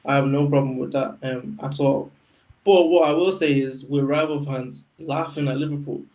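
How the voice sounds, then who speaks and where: A man's voice: medium pitch, fairly even intonation, normal speed, darkish tone, recorded from a distance, poor audio. A man co-hosting a casual football podcast, arguing directly with casual slang. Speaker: podcast co-host, Liverpool fan.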